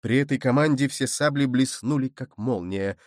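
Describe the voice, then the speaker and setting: A man narrating an adventure novel as an audiobook, with steady, dramatic storytelling. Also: medium pitch, normal speed, no room sound, clean studio sound.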